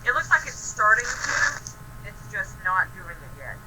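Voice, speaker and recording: A young woman chatting with a friend over the phone, excitable and animated, swearing often as she tells stories. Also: mid-range voice, measured pace, noisy background. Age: young adult. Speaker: friend on a call. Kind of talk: casual chat.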